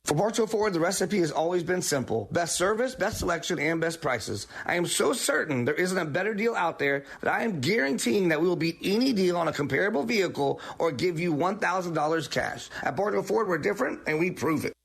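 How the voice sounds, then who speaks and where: A man's voice: sits high, lively intonation, a little fast, vocal fry, few pauses, husky. A man reading an amateur local car dealership ad with emphatic sales promises.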